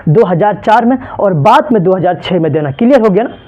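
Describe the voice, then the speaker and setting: A woman's voice: medium pitch, expressive, brisk, darkish tone. Woman teacher quizzing herself aloud. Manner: asks and answers her own questions. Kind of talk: exam-prep lecture. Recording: dull lo-fi recording.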